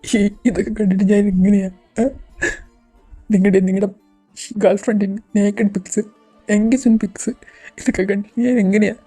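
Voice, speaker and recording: A woman's voice: mid-range voice, little pitch movement, moderate pace, long pauses, mellow, breathy edge, soft background music, natural voice. A woman voicing a hurt, betrayed young man who speaks bitterly and accusingly in an amateur audio drama.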